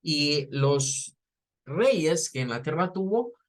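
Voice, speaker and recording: Male teacher, somewhat high voice, patient explainer who repeats words slowly for students. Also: animated. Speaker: English teacher. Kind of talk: online class lecture.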